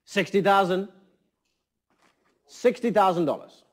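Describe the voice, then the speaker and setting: A man's voice: high-pitched, a little slow. A man working as a fine art auctioneer, calling bids and repeating prices in a polished, courteous patter to a saleroom. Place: saleroom with seated bidders and phone lines.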